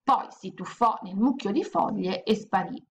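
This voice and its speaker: A woman reading a children's storybook aloud in a gentle, steady storytelling manner. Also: medium pitch, moderate pace. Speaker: audiobook reader.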